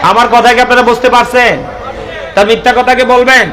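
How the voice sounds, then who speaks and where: Impassioned high-voiced male preacher, echoey hall. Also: fairly even intonation, fairly quick, a crowd in the background, noisy background. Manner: calls out to the audience for responses; rhythmic, impassioned preaching with regional dialect asides. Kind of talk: Islamic sermon to a crowd.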